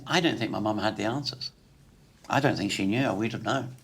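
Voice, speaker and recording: A man's voice: lowish voice, a little fast, slightly rough. An older man in casual, reflective conversation, repeating words for emphasis. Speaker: family member.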